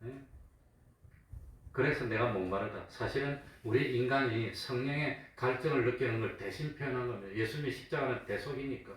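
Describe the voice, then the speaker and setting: A man with a medium-pitched voice preaches briskly in a church, asking the congregation questions and answering them himself. At times he raises his voice to act out taunting mockers, and the distant recording is very echoey with a faint hum.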